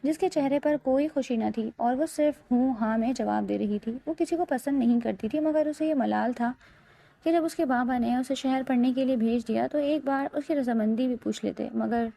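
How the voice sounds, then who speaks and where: A woman reads a romantic novel aloud as a steady, scripted story narration. Her voice is slightly high, with a gravelly, creaky edge and a mellow, dark tone.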